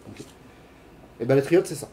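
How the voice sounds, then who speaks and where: A man's voice: medium pitch, lively intonation, moderate pace, dark tone, slight background noise. A man giving a casual classroom lecture, with many fillers, restarts and questions to his students. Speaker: university lecturer. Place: lecture hall.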